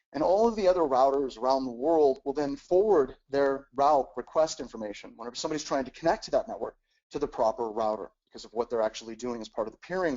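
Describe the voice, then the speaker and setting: A man's voice: mid-range voice, darkish tone, lo-fi sound. A man teaching in a technical webcast, explaining step by step with frequent "uh"s and repeated words. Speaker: webcast instructor.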